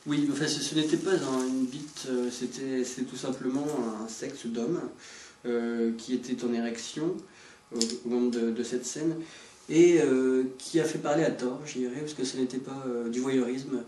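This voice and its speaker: A man's voice: medium pitch, fairly even intonation, normal speed, a little mellow, recorded from a distance, a little hiss or hum, close to an everyday voice. Man playing pompous intellectual film director, echoey room. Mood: defensive, lofty. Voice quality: hesitant, filler-laden delivery. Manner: pretentious, rambling, mock-modest. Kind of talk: parody interview, improvised-sounding. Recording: roomy echo, music behind.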